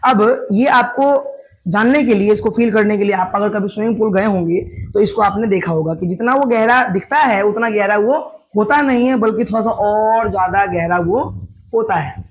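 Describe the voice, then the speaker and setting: A man's voice: high voice, moderate pace. Man teaching with rhetorical questions. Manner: explains step by step, asks questions and answers them himself. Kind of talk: classroom lecture at a board.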